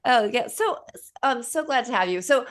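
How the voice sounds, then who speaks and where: A woman's voice: on the high side, lively intonation, normal speed. Effusive Boston woman hosting a podcast. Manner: effusive and enthusiastic, rambling. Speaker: podcast host. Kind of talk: casual interview chat.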